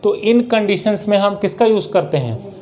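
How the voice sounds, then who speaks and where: A man with a high voice teaches an English grammar lesson. He keeps putting questions to the class and answering them himself, and he stretches out each example sentence slowly. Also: expressive, mellow. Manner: slow, drawn-out reading of example sentences. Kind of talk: grammar lesson explained in Hindi.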